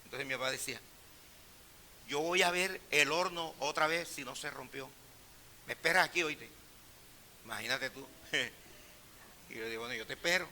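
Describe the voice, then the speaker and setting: A middle-aged male pastor preaching a sermon, telling personal stories in a hushed voice and rising to loud, emphatic preaching. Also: mid-range voice, normal speed, pauses often, a little hiss or hum.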